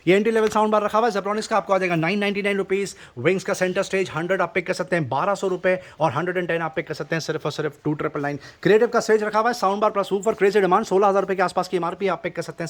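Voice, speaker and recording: An Indian man with a high voice presents shop deals at an extremely fast pace. His delivery is an overeager teleshopping pitch, insistent and repetitive, rattling through items and prices. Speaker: shop presenter selling discounted goods. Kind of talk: rapid-fire teleshopping sales pitch.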